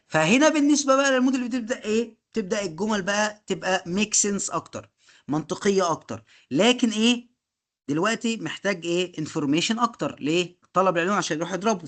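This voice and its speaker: A man's voice: sits high, a bit bright. A man with an Egyptian Arabic accent teaching a live online course, explaining through rhetorical questions, checking "okay?" often, and mixing English technical terms into his speech. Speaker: course instructor.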